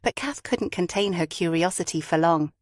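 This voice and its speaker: Measured woman narrating a novel. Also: lowish voice, no room sound, studio quality. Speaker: audiobook narrator. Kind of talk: scripted audiobook narration.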